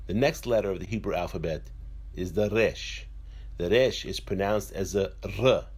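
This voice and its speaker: A man calmly and methodically explaining letters one by one, in a slow instructional way. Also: deep voice, husky. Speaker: teacher. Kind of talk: instructional narration.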